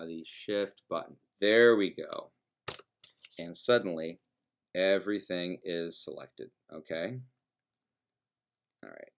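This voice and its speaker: A man teaching music students how to use a notation program, explaining each step in a relaxed, folksy way. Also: deep voice. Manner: relaxed, folksy, talks through clicks step by step. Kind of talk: screen-recorded software tutorial.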